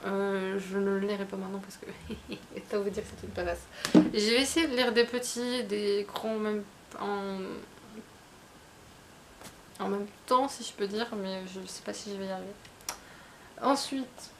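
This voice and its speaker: A woman's voice: mid-range voice, normal speed, a little hiss or hum. A woman chatting casually about her book haul, talking in a hesitant way with many fillers and restarts. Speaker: book vlogger.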